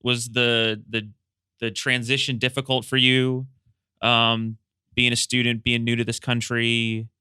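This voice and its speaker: Young guy hosting a podcast, really bright crisp voice, dry close sound. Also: mid-range voice, unhurried, dry recording. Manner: friendly, joking, relaxed questions. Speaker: podcast host. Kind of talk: casual interview chat.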